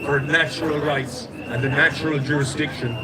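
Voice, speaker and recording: A man's voice: fairly high pitch, fairly even intonation, moderate pace, very noisy. A man with a west of Ireland accent giving an insistent, explanatory impromptu speech at a street protest. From Galway, Ireland. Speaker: protest speaker. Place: outdoors in a city street among a crowd. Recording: outdoor street, very loud crowd.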